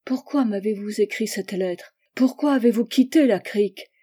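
A woman's voice: mid-range voice, moderate pace, a little mellow, slightly rough, lightly acted. A woman voicing a frightened young woman who pleads desperately, in an audiobook reading of a novel. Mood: pleading. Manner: pleading, distressed.

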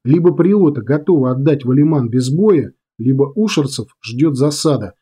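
A man narrates an audiobook with dramatic storytelling, his pitch rising and falling in a lively way. His voice is dark and mellow, with a husky edge. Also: normal speed. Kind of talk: scripted narration.

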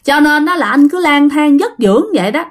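A woman's voice: sits high, lively intonation, a little fast, voice pushed up. A woman voicing a restless young male ghost who possesses a girl, rude and scornful at first, then pleading. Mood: mournful.

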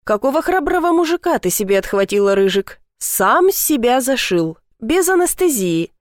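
A woman's voice: fairly high pitch, very animated, normal speed, dry recording, studio quality, pitched above the performer's own voice. Woman reading as a bossy village policeman. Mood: teasing. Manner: commanding, self-satisfied. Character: bossy middle-aged male village policeman.

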